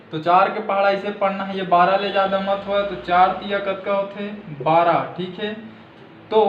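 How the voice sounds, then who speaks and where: A man's voice: high voice, reverberant, lo-fi sound, slight background noise. A man with a Chhattisgarhi accent teaching a maths lesson step by step, often checking in with "thik hai" and calling viewers friends.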